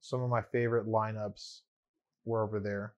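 A man's voice: lowish voice, flat delivery, normal speed. A young man chatting casually in a loose, slangy, giggly way. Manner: slangy, loose, giggly when telling stories. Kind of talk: casual chat.

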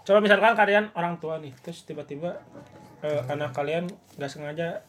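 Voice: medium pitch, a little fast, a bit bright. A young adult in a casual chat who asks the others questions and jokes around. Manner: joking, asks questions, playful.

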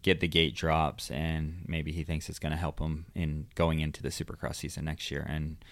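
Super low voiced dude, laid back rambly podcast talk, dry close mic. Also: male voice, moderate pace, dry recording. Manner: relaxed, rambling, fills with "you know". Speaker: podcast co-host. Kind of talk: casual chat about motocross.

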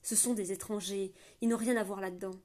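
A woman's voice: mid-range voice, steady tone, a little fast, mellow, natural voice. A woman voicing a burly, coarse soldier who speaks with a sneer. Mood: mocking. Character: burly mocking soldier man.

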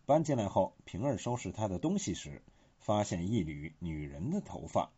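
A man with a very husky, breathy voice reads scripted literary commentary, his tone dark and mellow. His pitch rises and falls in a lively way. The recording sounds dull and lo-fi. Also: normal speed.

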